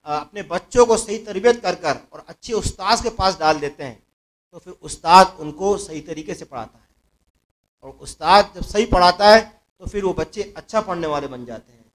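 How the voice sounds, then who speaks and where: A man preaching a sermon to a mosque gathering, telling a moral story earnestly, repeating phrases and letting his voice swell louder at key points. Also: sits high, animated. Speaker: mufti giving a religious talk.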